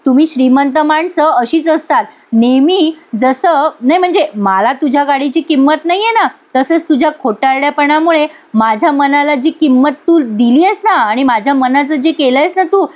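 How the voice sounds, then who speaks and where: A woman's voice: high voice, lively intonation, normal speed, few pauses. Woman reading as Kala, a scolding young woman. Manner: indignant, scolding. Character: feisty young woman sculptor, proud, sharp-tongued. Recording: dull lo-fi recording.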